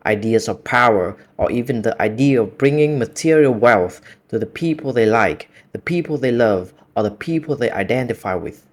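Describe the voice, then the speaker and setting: A video essay host, a man who speaks English as a second language with a Vietnamese accent, talks in a slightly low voice. His delivery is calm, measured and contemplative, like a reflective solo monologue.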